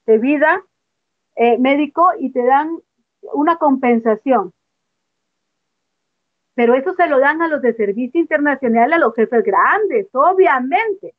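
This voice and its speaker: A former member appears as an interview guest over a video call, giving frank, emphatic testimony and laughing off sensitive points. Her high voice is expressive and unhurried, with frequent pauses. The call audio is dull and dry.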